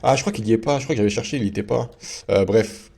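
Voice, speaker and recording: A man's voice: fairly low pitch, fast, gravelly, a little mellow. A man giving a casual screen-share tutorial as a video host, talking in a chatty way with many fillers and restarts.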